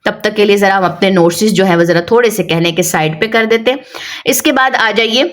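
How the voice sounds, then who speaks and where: A woman with a Pakistani Urdu accent, teaching a Quran reading lesson and patiently drilling syllables, slowly and with repetition. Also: medium pitch. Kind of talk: step-by-step recitation lesson.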